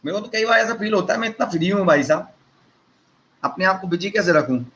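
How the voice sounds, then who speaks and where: Bright, high-voiced male teacher. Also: animated, quick pace, poor audio. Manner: chatty, teasing asides to students. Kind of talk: live online lecture.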